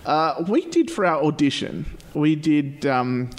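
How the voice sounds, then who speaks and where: A man's voice: on the high side, animated, unhurried. A man in his late twenties hosts a casual, chatty podcast in a jokey, self-deprecating way, recorded in a big living room that sounds like a cave. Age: late 20s. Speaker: podcast host. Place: large living room, indoors.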